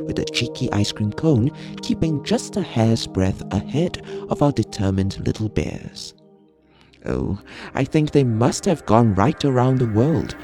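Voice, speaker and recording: Deep-voiced woman reading a storybook. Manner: expressive, cozy storytelling. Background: music.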